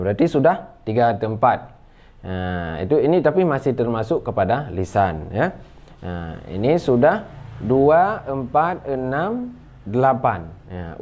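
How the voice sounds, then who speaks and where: A man with an Indonesian accent teaching Quran letter pronunciation, speaking slowly and patiently and breaking into raised, drawn-out recitation for examples. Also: fairly low pitch, dull audio. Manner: slow, patient, drawls sounds and recites in a raised chanting voice. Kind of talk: tajwid lesson on letter articulation.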